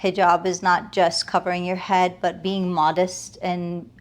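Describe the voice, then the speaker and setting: With a fairly low pitch, a level tone and a measured pace, this woman answers interview questions in a reflective, earnest, conversational way, often stacking short listed phrases for emphasis. A realtor, she moved from Afghanistan to the United States as a toddler.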